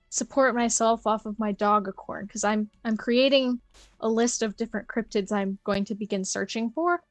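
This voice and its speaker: Higher-pitched woman role-playing casually. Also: dry recording. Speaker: tabletop game player. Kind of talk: casual improvised role-play.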